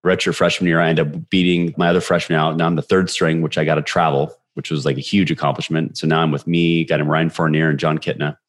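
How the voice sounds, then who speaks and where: A man in his forties, a podcast guest, telling a personal story with animated energy and acting out the voices of people in it. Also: rumbling low. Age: 40s. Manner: animated, quick storyteller who acts out quoted dialogue.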